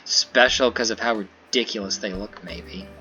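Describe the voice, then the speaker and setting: A man's voice: lowish voice, normal speed, music in the background, lightly acted. A man voicing a rude, sulky teenage boy who whines and complains in a visual novel game. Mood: sulky ranting. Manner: whiny complaining tone.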